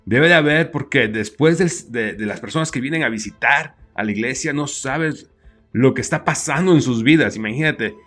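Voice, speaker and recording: Male host, hesitant casual remarks, average pitch, low music bed. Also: normal speed, fairly bright tone. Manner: hesitant, stammering asides. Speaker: interview host. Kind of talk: casual interview chat.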